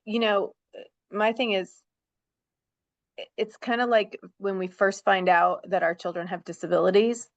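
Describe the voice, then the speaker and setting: A woman hosting a webinar and speaking as a parent, heartfelt and halting in a casual discussion. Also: mid-range voice, steady tone, no room sound. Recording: dull dry lo-fi call audio.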